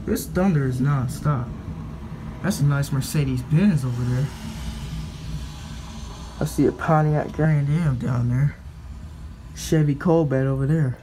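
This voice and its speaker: Filming a storm through his window, this young vlogger from the US talks with a fairly high voice, a bit slowly and with frequent pauses. He swears a lot and speaks bluntly, scolding before dropping to a mutter in his casual commentary. There's plenty of background noise.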